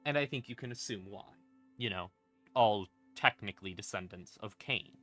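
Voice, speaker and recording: A man with a fairly low, slightly bright voice talks at a moderate pace, casually explaining lore like a streamer. He's irreverent and sweary, tossing in wry asides, with creepy, eerie ambient music playing behind him.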